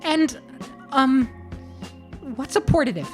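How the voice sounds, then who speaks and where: A woman's voice: high voice, very animated, takes it slowly, faint music behind, voice pushed up, exaggerated voice. Woman voicing an eager, flustered young nun. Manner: earnest, flustered, rambling.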